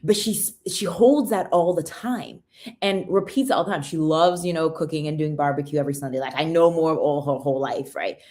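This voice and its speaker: Speaking briskly in a deep, darkish voice, a young woman with an American accent who grew up in the UK runs a casual sales livestream. She greets her viewers, chats with them, and keeps tossing in "right?"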